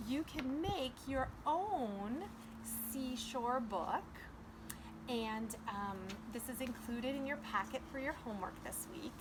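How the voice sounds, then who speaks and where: A preschool teacher with a fairly high voice reads aloud to young children and explains simply, teaching a basic lesson. The background is noisy.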